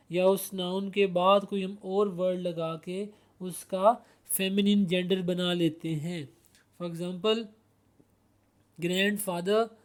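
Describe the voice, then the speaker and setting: A man with a Pakistani accent teaching English grammar, explaining word pairs and asking himself rhetorical questions. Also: high voice. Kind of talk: explanatory lesson.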